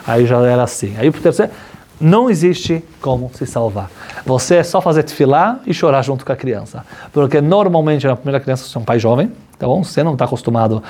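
A man, a religious teacher, telling a story in an animated class, his voice climbing high when excited. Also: husky.

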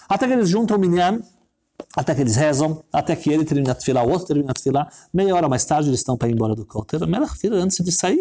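A man telling a religious story, animated and repetitive, building suspense. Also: on the high side.

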